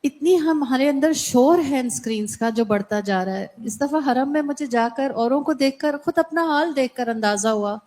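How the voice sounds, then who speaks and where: High-voiced woman reflecting in class. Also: few pauses, a little mellow. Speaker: class participant.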